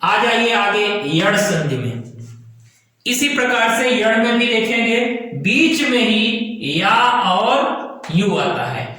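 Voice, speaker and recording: A man teaching a grammar lesson, explaining slowly and repeating key terms while checking that students follow. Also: high-pitched, very animated, sharp tone. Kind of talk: classroom lesson. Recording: very echoey room.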